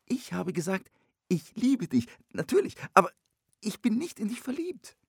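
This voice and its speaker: A man voicing an evasive young woman who stays calm and firm through a heated quarrel, in an audiobook. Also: sits high, normal speed, vocal fry, breathy edge, dry recording, studio quality, voice pushed up, exaggerated voice.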